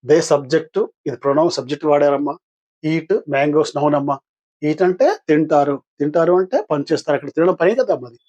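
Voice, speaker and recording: An older man with a Telugu accent teaches English grammar in an exam-practice lesson, patiently posing questions to his listeners and answering them himself. His somewhat high voice is a little husky and darkish, delivered fast in a steady tone, with the highs cut off.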